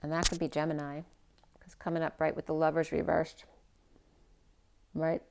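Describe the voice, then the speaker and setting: This casual, self-recorded tarot reading features a woman whose low, gravelly voice is giving out, with a darkish, monotone quality. She moves through the spread slowly, rambling and thinking aloud, often breaking off mid-phrase to begin again.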